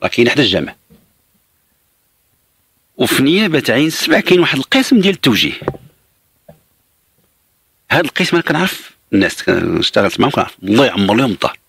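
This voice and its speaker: A man's voice: mid-range voice, very animated, very fast, creaky, pauses often, fairly bright tone, husky, no echo, studio quality. A Moroccan man hosting a radio call-in show, explaining options to a caller in a patient, reassuring way. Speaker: radio advice host.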